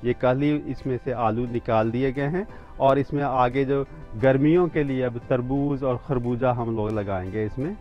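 A medium-pitched male voice with a steady tone and normal speed narrates a walk through an outdoor rooftop vegetable garden. The speaker, in his fifties, points out every plant to the camera plainly and evenly, occasionally starting a phrase over. Faint music sits behind dull-sounding audio.

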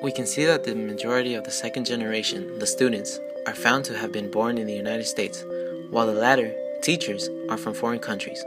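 Man, scripted news narration, measured and formal, loud music underneath. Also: fairly low pitch, steady tone. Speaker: student reporter narrating.

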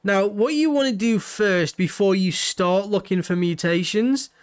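Gaming host, young, high-pitched and smooth, chatty and loose, restarts sentences a lot. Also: male voice, a little slow. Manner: rambling, thinks aloud with many restarts. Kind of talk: casual gameplay commentary.

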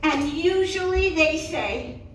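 Live in a small indoor cat cafe room, an older female stand-up comic entertains an audience in a high voice, with a slow, bawdy, self-deprecating delivery that is punchy and full of drawn-out pauses. The camera filming from the audience caught her handheld mic at a distance, producing roomy, echoey audio with some room noise.

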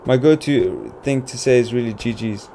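A man's voice: moderate pace, mellow, slight background noise. Jumpy young man playing a horror game. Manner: jumpy, swearing, yelps high when scared. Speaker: gaming YouTuber. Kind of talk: horror game let's play commentary.

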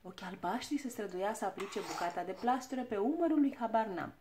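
A woman storyteller narrating a children's audiobook in an expressive, theatrical way. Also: medium pitch, slight background noise.

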